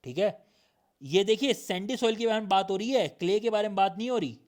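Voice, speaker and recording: A man giving a recorded lecture with a sore throat, checking with students through repeated questions and reading definitions aloud slowly. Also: sits high. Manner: drills points with repeated questions. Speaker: teacher.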